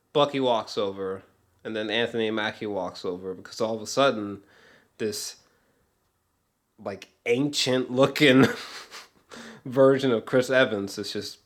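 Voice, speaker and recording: With a medium-pitched voice, a man talks up a movie as an eager fan. The review rambles casually, peppered with profanity, frequent hesitations and emphatic repetition.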